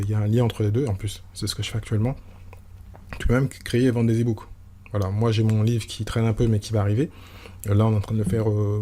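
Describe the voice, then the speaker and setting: Man, podcast host, rapid rambling talk, low mellow voice. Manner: rambling, many restarts and fillers, informal tutoiement. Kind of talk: solo podcast monologue.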